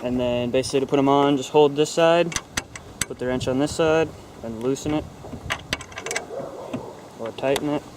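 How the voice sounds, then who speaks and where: Speaking at a moderate pace with long pauses, this young adult American man has a mid-range voice. He hosts a car how-to video from a driveway and a parked car, explaining things informally and loosely amid background noise.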